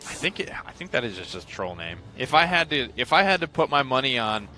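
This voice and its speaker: A man's voice: mid-range voice, very animated, bright, forceful tone. A man casting an esports match, breaking down stats and loadouts in a chatty, analytical way. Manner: analytical, chatty, quick bursts of speech. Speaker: esports caster. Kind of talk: esports play-by-play commentary.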